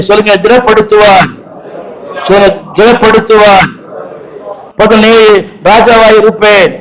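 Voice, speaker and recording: A man preaching a sermon to a gathering, repeating his phrases and urging the crowd to say them back loudly. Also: high voice, rough recording. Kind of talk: sermon with call-and-response.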